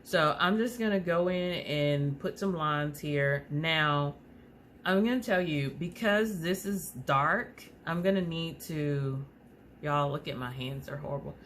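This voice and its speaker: Low, slow-talking woman with a slight lisp. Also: a bit bright, slight background noise. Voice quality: slight lisp from aligner trays. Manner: rambling and chatty, many fillers and restarts. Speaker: craft tutorial host. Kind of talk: casual how-to talk.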